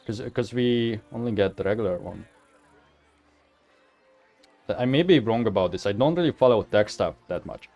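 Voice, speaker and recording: A man's voice: on the low side, expressive, normal speed, long pauses, darkish tone. A man giving casual, rambling game playthrough commentary in an informal way, often correcting himself. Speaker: gaming video host. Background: faint music.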